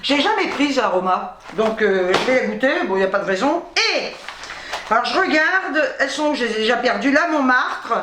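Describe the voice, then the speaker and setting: A middle-aged woman chats to her viewers in a quick, self-mocking way, often tripping over her words. Her voice sits a little high. The sound is roomy and echoey, as if recorded in a bare room at home. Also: animated, noisy background. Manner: chatty, self-mocking, talks fast and stumbles over words. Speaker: vlogger showing a grocery haul. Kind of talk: casual chat to camera.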